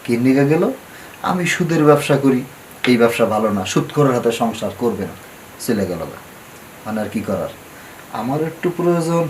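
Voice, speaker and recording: A man's voice: medium pitch, slight background noise, lightly acted, rough recording. An actor playing a pushy, greedy male moneylender who talks bluntly in dialect. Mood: scheming. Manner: blunt, demanding, coarse dialect. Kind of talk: TV drama acting.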